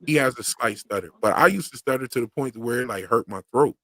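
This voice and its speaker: On his channel's livestream, this YouTube host talks in a relaxed, slangy, rhythmic way and says he used to stutter badly. He speaks quickly in a mid-range, fairly bright voice, with no room sound in the recording.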